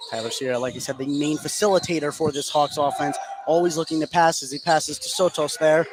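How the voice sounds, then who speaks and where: An American man calls a basketball game live on the radio, giving a running, descriptive play-by-play. His voice is a little high, his tone steady, and his delivery brisk. Loud noise from the indoor gym fills the background of the broadcast.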